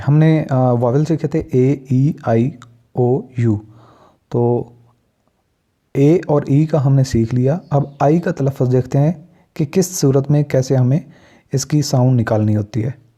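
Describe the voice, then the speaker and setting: Heard on a dull, lo-fi recording, a male English teacher from Pakistan speaks slowly in a dark, mid-range voice. He teaches pronunciation deliberately, going through example words one at a time.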